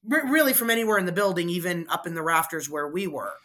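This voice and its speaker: A woman's voice: fairly low pitch, animated, fast, fairly bright tone. A woman co-hosting a casual podcast, talking in a wry, sarcastic way. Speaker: podcast co-host. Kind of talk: casual chat.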